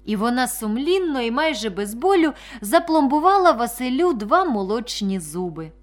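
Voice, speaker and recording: Expressive woman reading bedtime stories. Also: on the high side. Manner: expressive, unhurried storybook reading. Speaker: storyteller. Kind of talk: reading children's stories aloud.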